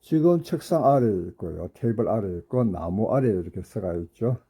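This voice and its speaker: A man teaching an English grammar lesson, explaining slowly and repeating English phrases word by word. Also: fairly low pitch, animated, dark tone, breathy edge.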